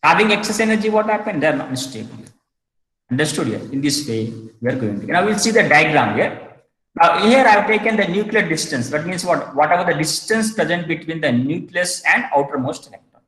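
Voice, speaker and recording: A man's voice: fairly high pitch, expressive, a little fast, a bit bright. A male chemistry teacher, lecturing and asking himself question after question. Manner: repetitive rhetorical questions, self-answering. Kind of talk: classroom lecture. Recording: echoey hall.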